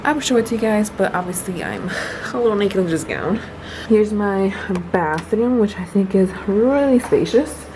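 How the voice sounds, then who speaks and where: A woman's voice: mid-range voice, lively intonation, moderate pace, background noise. A young woman casually vlogging from a hospital room on a handheld phone, chatty and self-deprecating while tired in labor. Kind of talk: casual vlog narration.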